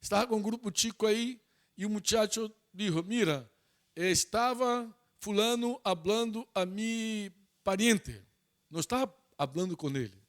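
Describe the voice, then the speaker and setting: High-voiced man preaching a sermon. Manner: mixes Portuguese and Spanish, emphatic repetitions.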